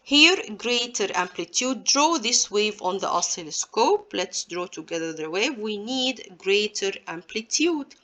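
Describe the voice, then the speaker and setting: A woman teaching science walks her students step by step through exam answers, posing rhetorical questions along the way. Her medium-pitched voice is expressive, pushed, and bright, and she speaks unhurriedly with hardly any pauses.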